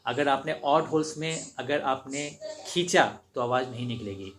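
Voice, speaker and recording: A man's voice: medium pitch, moderate pace, a bit bright, slight background noise. A man teaching beginners harmonica, explaining patiently and repeating each step as he demonstrates. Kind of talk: instructional demonstration.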